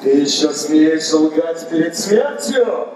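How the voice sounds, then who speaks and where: Slow, solemn noble prince in echoing hall. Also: male voice, a little high, lively intonation. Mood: stern. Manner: solemn, declamatory. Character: noble heroic prince, commanding and loving. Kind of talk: theatrical stage-style fantasy drama acting. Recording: echoing hall, distant, crowd behind.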